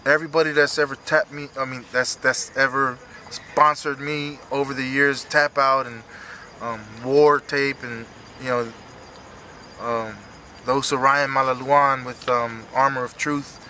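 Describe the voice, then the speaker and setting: A man in his thirties speaking emotionally and haltingly in an earnest, unscripted post-fight interview as a retiring fighter. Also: mid-range voice, little pitch movement, pushed and bright, a little hiss or hum. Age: 30s. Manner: halting, earnest, repeats himself.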